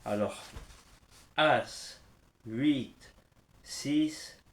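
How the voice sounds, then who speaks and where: A man giving horse racing betting tips in a casual live stream, speaking haltingly and filling pauses with the same word. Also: medium pitch. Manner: slow, halting, repeats "voilà" often. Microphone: smartphone.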